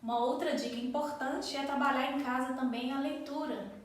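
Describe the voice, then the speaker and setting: Brief: woman coordinator, slightly high voice, patient step-by-step teaching, distant mic in a very echoey room. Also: steady tone, normal speed. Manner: patient, explains step by step, claps out syllables. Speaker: school coordinator. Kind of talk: instructional explanation for parents.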